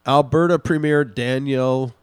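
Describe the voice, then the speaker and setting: A man hosting a podcast, reading and commenting on news articles in an emphatic, indignant way, slowing down to stress his points. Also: medium pitch, fairly even intonation, clear, resonant tone, dry recording, clean studio sound, soft background music. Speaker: podcast host.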